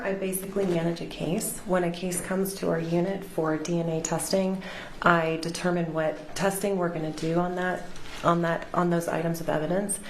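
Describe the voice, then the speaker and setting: A middle-aged woman gives measured, precise expert testimony from a witness stand microphone, heard in a courtroom recording. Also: on the low side. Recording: roomy courtroom sound with faint hiss.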